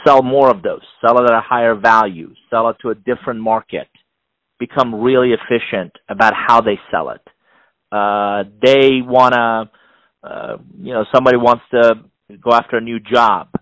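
In poor, dry audio with no echo, a middle-aged Iranian man who works as an executive advisor and author answers interview questions. His medium-pitched voice is emphatic and animated, and he frequently restarts and repeats words.

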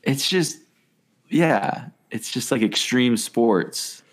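A man co-hosting a casual podcast, relaxed and amused, thinking out loud as he talks. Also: mid-range voice, takes it slowly. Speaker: podcast co-host.

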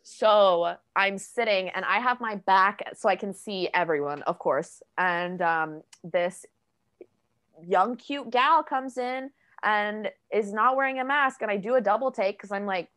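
A young woman co-hosting a podcast, telling a story in a casual, animated way and swearing freely. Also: mid-range voice, a little slow, smooth. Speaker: podcast co-host. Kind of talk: casual chat.

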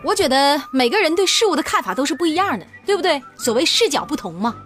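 A woman with a Northeastern Chinese accent, hosting a radio comedy show and telling funny stories in an animated, laughing way. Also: high-pitched, quick pace, loud music behind the voice. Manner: animated, laughing, puts on voices. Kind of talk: comic storytelling monologue.

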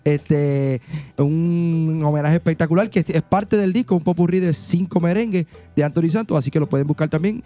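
A man, a singer and radio announcer guesting on a radio show, chatting casually and plugging his music with quick jokes. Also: a little high, dark tone. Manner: joking, promotional, quick asides. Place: radio studio.

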